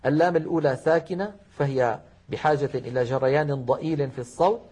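A man teaching Quran recitation, chanting verses slowly and drawn out, then explaining the rules briskly. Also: on the high side, warm tone, husky. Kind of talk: tajweed lesson with recited examples.

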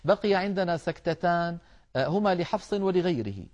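A man gives a careful recitation lesson, explaining each rule step by step and addressing his listeners as brothers. His voice sits a little high. The recording sounds dull and lo-fi. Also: expressive, brisk, a little mellow. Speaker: Quran recitation teacher. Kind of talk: tajweed lesson.

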